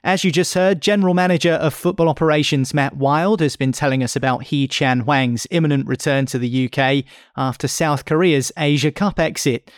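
A man's voice: fairly high pitch, normal speed, no room sound. A man hosting a scripted club podcast, speaking in a polished way close to a podcast microphone. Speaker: podcast host.

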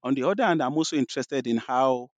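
A man's voice: mid-range voice, no room sound. Nigerian-accented professor in his fifties, hesitant thoughtful delivery, dry recording. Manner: halting, many fillers and restarts. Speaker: guest professor. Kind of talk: academic interview answers.

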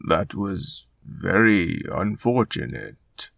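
A man voicing a scheming male shark villain in a read-aloud story, with a slow, drawling, gravelly delivery. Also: low-pitched, very animated, a bit bright, voice pushed down, heavily acted. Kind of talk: storybook character voice. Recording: voice a bit far from the mic, faint music.

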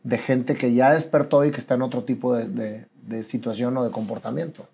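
A man hosting an interview, calmly summing up and finishing his guest's thoughts. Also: medium pitch, a little fast, vocal fry, slightly rough. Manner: calm, sums up and finishes the guest's points. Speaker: podcast host. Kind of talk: conversational interview.

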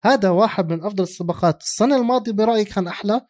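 A man's voice: high voice, racing, darkish tone. A man with a Levantine Arabic accent co-hosting a casual sports discussion, dropping English terms into his talk. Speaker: motorsport podcast co-host.

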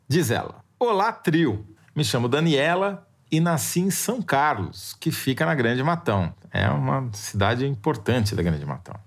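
A man with a Brazilian Portuguese accent co-hosting a political podcast, jokey and theatrical, often mocking himself. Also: medium pitch. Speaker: podcast co-host. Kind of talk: casual political chat.

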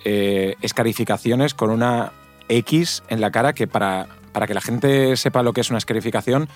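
A man's voice: mid-range voice, normal speed, soft background music. A man hosting a podcast, asking direct, blunt questions in a casual interview. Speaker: podcast host.

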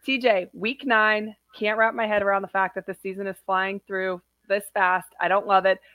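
Hoarse, raspy woman podcaster. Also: mid-range voice, level tone, moderate pace, a bit bright, no echo. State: hoarse, lost voice from a cold. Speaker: podcast host. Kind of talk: casual chat.

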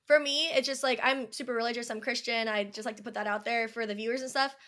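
This is a young woman chatting casually on a podcast, bubbly and quick to fill gaps with "like". Her voice is bright and sits a bit high. She sounds lively and eager. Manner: bubbly, many fillers like "like". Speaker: podcast guest. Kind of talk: casual chat.

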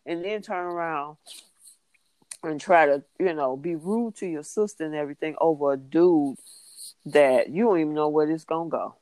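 A co-host in casual chat about a soap opera, acting out the characters' lines in an animated way. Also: medium pitch, normal speed, no room sound.

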